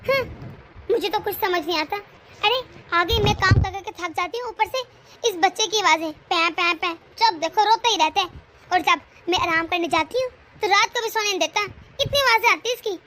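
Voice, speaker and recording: A woman's voice: very high voice, sharp tone, a little hiss or hum. A woman voicing a lazy, scheming younger daughter-in-law in a cartoon family drama, constantly grumbling and complaining.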